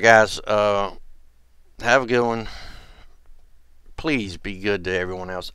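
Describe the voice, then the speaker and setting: Deep bright-toned guy rambling on, repeats himself, trails off, dry close sound. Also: smooth, dry recording. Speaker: conspiracy video host. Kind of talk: rambling casual monologue.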